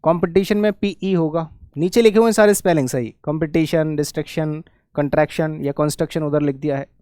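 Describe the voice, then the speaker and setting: Man, english teacher, spelling lesson, smooth clear voice, dry close sound. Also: on the high side, fairly even intonation, darkish tone, no room sound. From India. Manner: spells words letter by letter, repeats words slowly.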